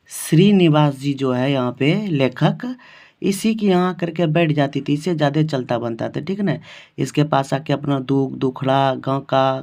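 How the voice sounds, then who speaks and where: A man's voice: on the high side, darkish tone. Bihari-accented male teacher quizzing his class. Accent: Bihar Hindi. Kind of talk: exam-focused class lesson. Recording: dull lo-fi recording.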